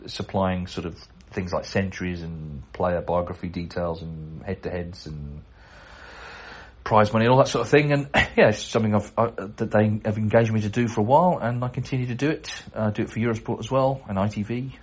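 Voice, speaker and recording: A middle-aged man with a lowish voice hosts a casual podcast. He reads listener mail aloud and keeps stopping to chuckle and poke fun at himself. His delivery is relaxed and conversational, with plenty of asides. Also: fairly quick. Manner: chatty, chuckling, self-deprecating asides. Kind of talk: casual chat and letter reading.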